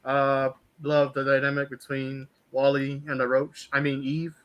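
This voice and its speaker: A man's voice: mid-range voice, monotone, measured pace, dull audio. A man in a casual group chat who talks animatedly, acting out quotes with lots of fillers.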